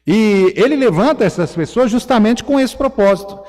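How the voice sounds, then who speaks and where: A man's voice: high voice, expressive, normal speed, darkish tone. A pastor delivers an earnest sermon in a somewhat raised voice, dotting his speech with "né." His words ring out with a long reverb, as if in a church hall. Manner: earnest preaching, frequent "né" fillers.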